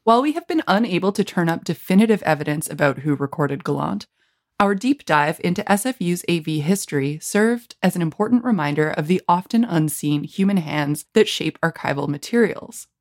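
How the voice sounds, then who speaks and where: Lower-pitched woman, academic narration. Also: animated, brisk. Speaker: podcast narrator.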